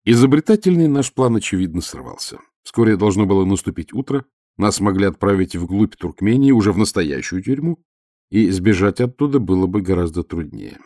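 A man reading a first-person adventure audiobook in a lively storytelling manner. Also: low-pitched, a little fast, no room sound, studio quality. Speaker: audiobook narrator.

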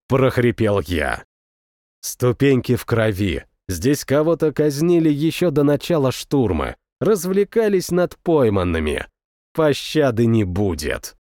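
A man narrating a first-person war story as an audiobook, reading with expressive, dramatic delivery. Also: mid-range voice, no room sound, clean studio sound.

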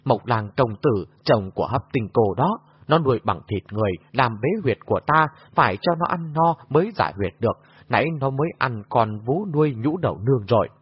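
A man voicing a bold, sharp-tongued young heroine in an audiobook, speaking briskly and teasingly, recorded in a muffled lo-fi way. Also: mid-range voice, expressive, husky.

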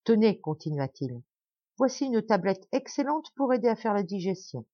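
A woman's voice: mid-range voice, sing-song, moderate pace, warm tone, no room sound, dull audio, voice pushed up. A woman voicing a pompous, lavish male lord who grandly and insistently presses food on his guest, in an audiobook tale. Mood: grand, coaxing.

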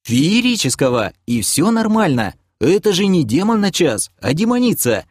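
A man's voice: high-pitched, sing-song, moderate pace, pitched above the performer's own voice. A man voicing a nervous, embarrassed male healer who pleads in a flustered way. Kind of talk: audiobook character voicing.

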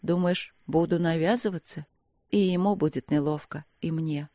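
A reader voicing a quiet, restrained woman army captain who answers her mother calmly and firmly, in an audiobook. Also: mid-range voice, moderate pace, dry recording, studio quality, close to an everyday voice.

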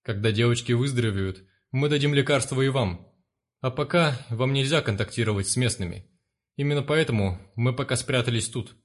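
List: man doing a father, plain voice, low-key, storybook reading. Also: brisk, close to an everyday voice. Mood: calm. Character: gentle father, then pleading for his family.

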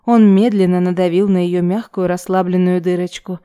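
A woman reading an erotic story aloud in calm, even storytelling narration. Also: fairly low pitch, normal speed, smooth. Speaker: audiobook reader.

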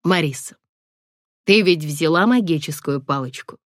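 A woman voicing a calm, dryly mocking young man from an audiobook romance, in a slightly lowered voice. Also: normal speed, no echo, clean studio sound. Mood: teasing.

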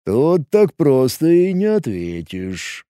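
A gruff old-hand goblin soldier, as a male narrator voices him, slow and grumbling. The voice is deep and mellow, with a lively rise and fall. It is recorded close and dry. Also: dry recording, exaggerated voice. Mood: musing.

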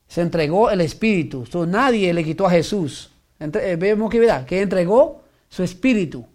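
A man preaching a sermon, reading scripture aloud and asking his listeners rhetorical questions, now and then slipping the English word "so" into his speech. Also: on the high side. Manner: preaching with frequent rhetorical questions, code-switching "so"; reads scripture aloud, then swells in emphatic bursts.

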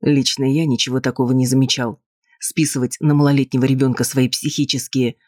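A man voicing a cool, patronizing husband, husky in tone and dismissive in manner. He stays in his own register, recorded close and dry, like an audiobook reading. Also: medium pitch, flat delivery, fairly quick, darkish tone, no echo, natural voice. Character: cold, condescending husband, adult man.

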